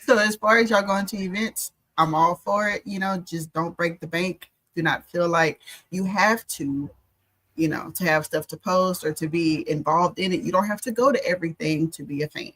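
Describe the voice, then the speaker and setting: A woman's voice: on the low side, moderate pace, fairly bright tone. An American woman talking casually as a panelist on a podcast.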